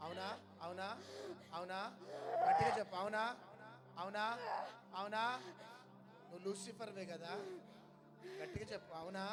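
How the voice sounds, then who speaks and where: A man preacher leading a deliverance prayer, firing repeated commands and questions and bursting into shouts. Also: high-pitched. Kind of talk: charismatic deliverance sermon. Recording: loud music behind the voice.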